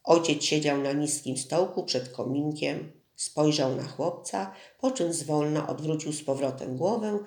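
Measured audiobook narrator in an echoey room. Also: mid-range voice, creaky. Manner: steady, measured storytelling. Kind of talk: scripted narration. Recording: roomy echo.

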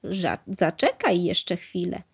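A woman reading as a gentle mother mouse. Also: fairly low pitch, lively intonation, takes it slowly, vocal fry, husky, heavily acted. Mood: coaxing. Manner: gently coaxing. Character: patient caring mother mouse. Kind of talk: storybook read-aloud.

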